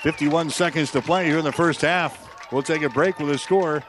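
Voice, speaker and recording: A man's voice: on the high side, steady tone, moderate pace, a crowd in the background. An American man doing live play-by-play radio commentary of a football game in short, clipped phrases. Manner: clipped running description of play. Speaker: play-by-play sports announcer. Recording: outdoor broadcast with clear background noise.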